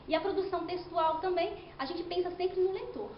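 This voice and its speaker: A woman's voice: very high-pitched, fairly even intonation, fairly quick, slight background noise. A woman presenting her thesis in an academic talk, explaining step by step with frequent "né?" and restarts. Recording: echoey room, slightly dull sound.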